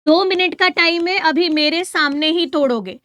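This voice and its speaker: A woman teacher giving an exam-prep grammar lesson. She asks questions and answers them herself, spells sounds out slowly for her students, and sets them homework. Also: extremely high pitch, bright, forceful tone, no echo. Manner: addresses students as "beta", gives homework.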